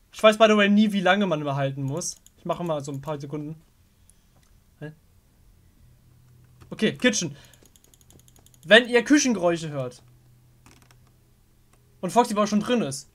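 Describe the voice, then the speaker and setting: A man's voice: high voice, fairly bright tone. A young German man commenting on a horror game as he plays, muttering to himself and yelping at scares. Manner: jumpy, talks to the game characters, mutters under breath. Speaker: gaming video host.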